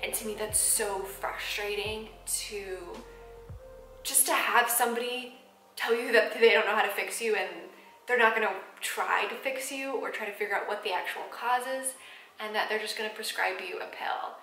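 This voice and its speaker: A woman's voice: medium pitch, normal speed, sharp tone, faint music behind. Twenties woman vlogger, emotional and candid, lots of ums, echoey room. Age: 20s. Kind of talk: personal vlog talking to camera. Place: apartment room.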